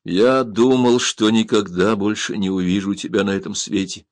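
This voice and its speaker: A man's voice: fairly low pitch, fairly even intonation, normal speed, dry recording, close to an everyday voice. A man voicing a grateful young Indian man just freed, speaking fervently in a storybook reading. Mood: moved. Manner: fervent, exclaiming.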